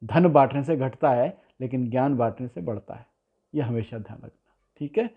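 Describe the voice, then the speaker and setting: A man giving a spoken poetry lesson who explains patiently and slowly repeats example lines word by word. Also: mid-range voice. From India. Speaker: poetry teacher. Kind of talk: spoken lesson on ghazal writing. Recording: tinny phone-like sound.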